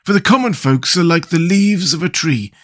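A man's voice: on the high side, expressive, moderate pace, a bit bright, voice pushed up. A man voicing a wise, philosophical straw man in a storybook, speaking in a lofty, declaiming way. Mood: earnest.

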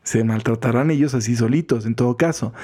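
A priest with a Mexican accent giving a chatty, informal reflection on the gospel, often laughing and acting out what people say. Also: male voice, mid-range voice, fairly quick, warm tone, husky. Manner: chatty, laughs often, acts out quoted voices. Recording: podcast voice recording.

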